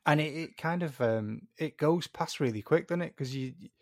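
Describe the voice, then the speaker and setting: Matey male podcast host, slightly gravelly. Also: fairly high pitch, moderate pace, dry recording, clean studio sound. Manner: matey, informal, mild swearing. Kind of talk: hosting a podcast interview.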